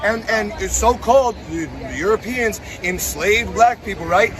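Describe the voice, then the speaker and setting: A man's voice: high-pitched, measured pace. A man arguing insistently on a city street, repeating his questions and stammering into restarts. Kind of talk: heated street argument. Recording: phone video amid street crowd noise. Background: crowd and traffic.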